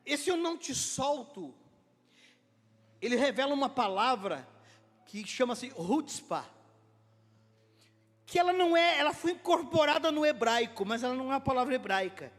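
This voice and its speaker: A Brazilian pastor with a strikingly high voice preaches with animated energy, acting out scenes and joking with the congregation. His voice rings through a church hall with a long, lingering reverb. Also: moderate pace. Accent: Brazilian Portuguese. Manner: animated preaching, acts out dialogue, jokes with congregation. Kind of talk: sermon.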